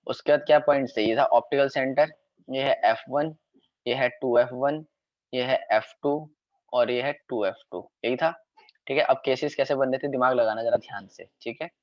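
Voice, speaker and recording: A man's voice: medium pitch, no echo, highs cut off. A man giving a recorded science lesson to school students. He keeps checking whether they understood and corrects his own slips as he goes. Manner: repeatedly checks understanding, quick self-corrections. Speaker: science teacher. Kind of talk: recorded revision lecture.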